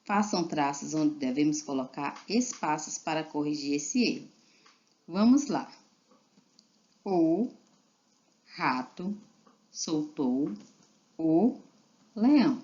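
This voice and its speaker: A woman teacher slowly and patiently reading a literacy lesson to young children, spelling out syllables and words one by one. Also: sits low, animated, dark tone, lo-fi sound.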